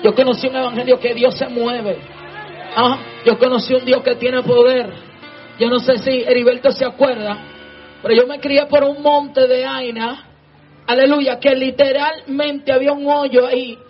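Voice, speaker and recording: A woman preacher delivering an impassioned sermon, often shouting. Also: high voice, flat delivery, normal speed. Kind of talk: fervent sermon. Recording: dull lo-fi sermon recording with music. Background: music playing.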